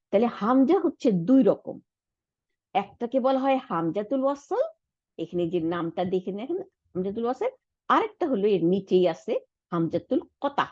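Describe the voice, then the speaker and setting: A woman's voice: medium pitch, a little mellow, no room sound. A woman teaching Arabic reading for the Quran step by step, often checking in with her listeners. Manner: explains step by step, often asks "isn't it?"; frequent hums and restarts. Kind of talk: online Quran Arabic lesson. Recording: dry, dull lo-fi sound.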